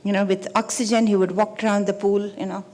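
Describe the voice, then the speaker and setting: A woman speaking as a panelist in an on-stage conversation, reminiscing in a soft-spoken way that trails off quietly at the ends of phrases. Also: medium pitch, little pitch movement, fast, rough recording. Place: talk venue stage.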